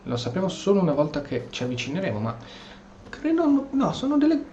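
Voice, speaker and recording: An Italian gameplay streamer voices the dialogue choices in a role-play game and comments as he plays, talking fast in a high, dark-toned voice whose pitch swoops wildly. The recording is slightly dull, with a little hiss or hum and game music playing faintly behind him.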